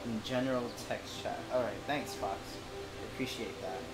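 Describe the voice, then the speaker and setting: A man's voice: mid-range voice, normal speed, heavy background noise. A man with a New York accent chatting casually and slangily on a livestream as he draws. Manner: slangy, uses "like" often. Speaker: streaming artist. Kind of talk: casual livestream chat while drawing. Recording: loud music behind the voice. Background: music.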